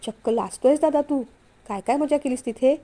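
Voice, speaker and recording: A woman reads out a cheeky younger brother full of teasing questions. The voice is high and soft-toned, in a storybook reading. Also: normal speed. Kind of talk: storytelling read-aloud.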